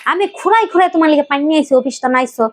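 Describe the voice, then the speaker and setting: Woman, aggrieved wife, scolding complaints, high-pitched. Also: expressive, rapid-fire, background noise. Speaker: wife in a family skit. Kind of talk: acted domestic quarrel skit.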